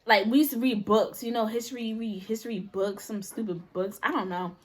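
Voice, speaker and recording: A young woman in casual chat, telling school stories in an animated way and acting out the people she quotes. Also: fairly high pitch, a little fast. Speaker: storyteller.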